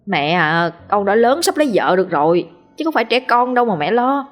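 A woman's voice: mid-range voice, very animated, a little fast, close to an everyday voice. A woman voicing a young man under a ghost's spell who swears oaths and snaps at his mother, in a spoken ghost story. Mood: irritable. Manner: irritable, pleading, rising to panic. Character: young man, sullen and strained, bewitched.

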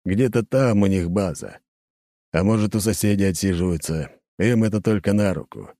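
A grudging old guard captain, voiced by a male audiobook reader reports in a slow, plain, dark voice. The recording is close and dry. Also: deep voice, dry recording. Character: grumbling older male guard captain, reluctant.

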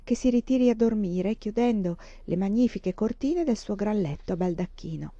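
A woman reading the lines of a thoughtful fifteen-year-old girl describing a sunset to her sister, calmly. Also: mid-range voice, normal speed, dry recording, natural voice. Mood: tender. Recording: dull lo-fi dry recording.

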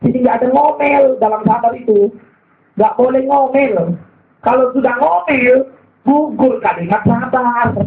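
A man preaching a sermon with a Makassar Indonesian accent, telling stories with lively voiced quotes and humor. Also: very high-pitched. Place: mosque or gathering hall. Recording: echoey hall, thin phone-like sound.

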